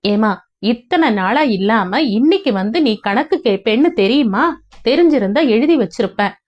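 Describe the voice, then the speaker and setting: Irritated, defensive grown son in an audio novel, talking fast, read by a woman narrator. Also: a little high, highs cut off. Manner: angry, rapid.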